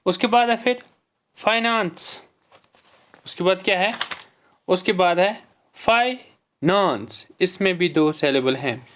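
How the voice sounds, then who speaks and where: Reading English lines slowly and explaining them in Hindi, a male teacher gives a classroom lesson on syllables. His voice sits high with a fairly bright tone; he often clears his throat and calls the class dear children.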